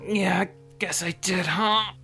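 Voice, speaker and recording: A woman voicing a small, spunky female robot rabbit in an animated comedy, perky, guileless and naively cheerful. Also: on the low side, slow, faint music behind, heavily acted. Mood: brave, drawn-out.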